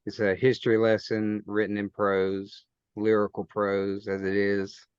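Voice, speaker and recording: A man in a casual podcast book discussion, speaking in a measured way as he sums things up. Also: lowish voice, completely flat delivery, clear, resonant tone, dry recording, highs cut off. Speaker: podcast panelist.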